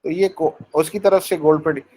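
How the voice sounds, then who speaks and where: A man lecturing a class with a fairly high voice. He acts out small scenes to explain a point, puts questions to his students and slips English phrases into his speech. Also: steady tone, quick pace, a little mellow, rough recording. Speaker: university lecturer.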